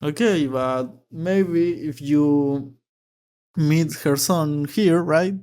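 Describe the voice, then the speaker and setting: A man's voice: a little high, drawn-out words, a little mellow, clear, resonant tone. A man reading a manga aloud and commenting on it in a casual, hesitant way, often repeating words as he thinks.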